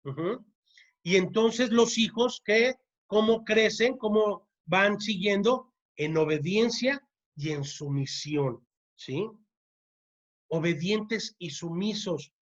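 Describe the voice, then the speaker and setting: This is a slow, mid-range voice on dull-sounding audio, belonging to a church teacher guiding a parenting class. Again and again she asks the room "¿sí?" and repeats important words so they stick.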